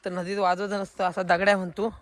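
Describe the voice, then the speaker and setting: A man with a Konkan Marathi accent, filming a casual outdoor vlog on a phone and excitedly calling out to friends. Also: sits high, fast, over loud music. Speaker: vlogger. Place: outdoors in a village field. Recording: crowd noise outdoors. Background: crowd of villagers.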